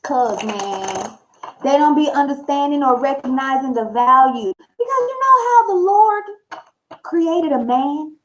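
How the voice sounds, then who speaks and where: Rough recording quality and slight background noise accompany an American woman's high-pitched, animated voice, moving a little slowly. Hosting her tarot channel, she talks casually to viewers, telling stories candidly in emphatic, salty slang and acting out what people said.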